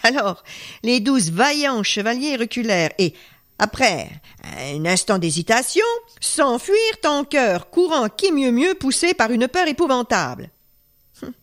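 A woman storyteller reading a folk tale aloud, expressive and dropping to a hush at tense moments. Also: on the high side, unhurried.

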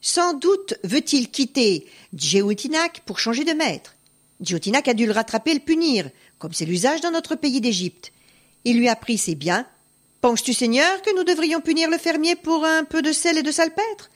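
A woman voicing a scheming male court judge who smoothly persuades his lord. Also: high voice, expressive, normal speed, pitched above the performer's own voice. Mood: persuasive. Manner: persuasive, deferential.

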